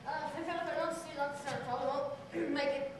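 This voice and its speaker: A woman playing a gravely wounded soldier, gasping and faltering through a comic children's stage play. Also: sits high, steady tone, a little fast, natural voice. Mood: weak, pleading. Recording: echoey hall from far off, faint noise.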